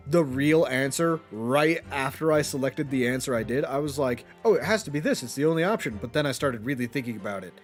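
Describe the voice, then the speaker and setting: A man streaming a game with casual, slangy and sarcastic commentary. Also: mid-range voice.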